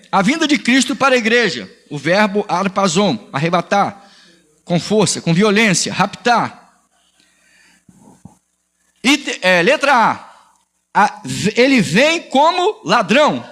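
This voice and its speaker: On a live stream, a man preaching as pastor argues with a commenter in a combative, ironic way, calling the listener "filho" and "amigo." His voice is high-pitched and a bit bright.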